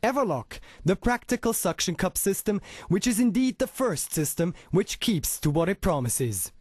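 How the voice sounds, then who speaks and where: A man narrating a scripted hard-sell infomercial as an announcer, with an emphatic pitch full of rhetorical questions. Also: sing-song, moderate pace, darkish tone, slightly rough, dry recording, clean studio sound.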